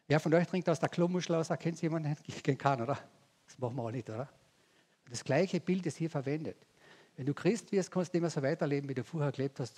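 A man's voice: mid-range voice, darkish tone, husky. A man preaching a sermon in a folksy way, often asking the congregation rhetorical questions. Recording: long church reverb.

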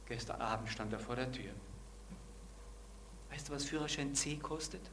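A man's voice: medium pitch, moderate pace, background noise. A man preaching a sermon and asking the congregation direct questions.

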